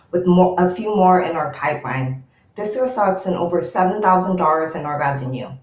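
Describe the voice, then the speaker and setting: On a video call, an Indonesian woman whose first language is Indonesian delivers a steady, well-rehearsed startup pitch. The audio is dull and reverberant.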